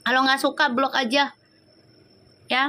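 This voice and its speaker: A woman's voice: high voice, little pitch movement, unhurried, sharp tone. A woman, chatting on a live stream and scolding viewer comments in a sassy, slangy way. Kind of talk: casual live-stream chat reading comments.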